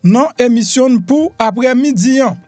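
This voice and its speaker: A man's voice: very high-pitched, a little slow, warm tone, dry recording, faint music behind. A Haitian man hosting a news rundown, reading headlines loosely with frequent fillers. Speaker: news host.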